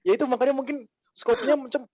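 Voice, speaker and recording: A man talking casually as a podcast guest, ranting with quick asides. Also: very high-pitched, fairly even intonation, darkish tone, no room sound, lo-fi sound. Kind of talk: casual chat.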